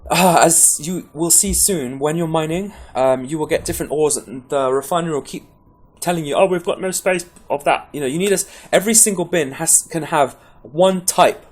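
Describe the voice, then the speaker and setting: A man's voice: fairly high pitch, moderate pace, few pauses. A man giving a casual, rambling gameplay tutorial, chatty and full of restarts. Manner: caffeinated, pepped up. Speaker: game guide presenter.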